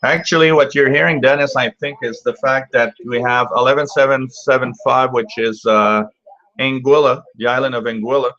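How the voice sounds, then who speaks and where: A man talks casually as the host of a hobby radio live stream. His medium-pitched voice is halting and explanatory, with slightly dull, lo-fi sound. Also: fairly even intonation, a bit bright. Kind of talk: casual live commentary, answering viewers.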